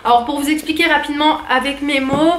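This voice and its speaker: Chatty young French woman, high voice. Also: steady tone, fast talker, roomy sound. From France. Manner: chatty, many fillers and restarts. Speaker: vlogger. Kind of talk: casual haul vlog chat.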